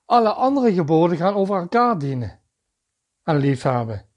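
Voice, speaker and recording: A man's voice: high voice, sing-song, normal speed, muffled recording. A man preaching a sermon in an earnest manner, reading scripture passages aloud and naming their verses.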